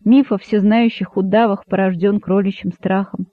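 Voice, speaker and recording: A man reading an audiobook, voicing a wise, sad old rabbit who speaks calmly and gravely. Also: high voice, no echo, lightly acted. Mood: stern. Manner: calm, grave, measured. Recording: dry, narrow phone-like sound.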